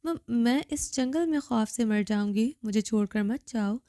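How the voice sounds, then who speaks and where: A woman's voice: on the high side, warm tone, no echo, studio quality, natural voice. A woman voicing a terrified young woman who stammers and pleads through tears.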